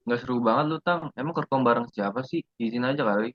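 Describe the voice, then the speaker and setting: A young man plays a blunt, prejudiced student in a school skit. He talks fast and slangy, and the sound is dry and slightly muffled. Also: mid-range voice, no room sound, lightly acted.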